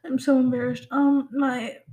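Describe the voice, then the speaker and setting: Her high-pitched voice carries a dark tone and a flat delivery at a moderate pace. She's a teenage host of Pakistani heritage doing a casual solo podcast, rambling and self-teasing with lots of "like" and "um."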